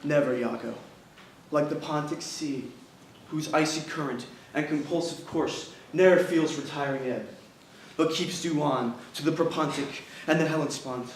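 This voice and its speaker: A man's voice: on the high side, unhurried. A man playing a fierce, anguished, betrayed husband bent on revenge in a declamatory stage monologue with sudden outbursts. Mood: furious. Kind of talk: dramatic stage monologue recitation. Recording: echoey hall, distant mic, faint noise.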